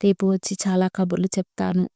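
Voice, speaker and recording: A playful, affectionate young husband in a romantic audio story, read by a woman narrator. The voice is low and dark, with a gravelly edge, and the delivery stays flat. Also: fast, dry recording. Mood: tender. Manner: playful, tender.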